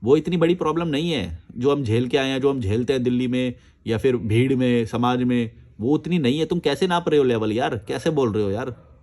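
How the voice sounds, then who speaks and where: A man's voice: mid-range voice, fairly quick, a little mellow. Man, blunt, argumentative, answering comments, casual outdoor chat. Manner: blunt, argumentative, reads comments aloud then rebuts. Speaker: vlogger answering viewer comments.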